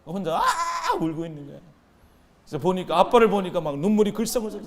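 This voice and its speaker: A man in his thirties preaching a sermon as pastor, animated, calling out to his congregation and waiting for replies. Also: sits high, quick pace, gravelly. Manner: animated, call-and-response with the congregation.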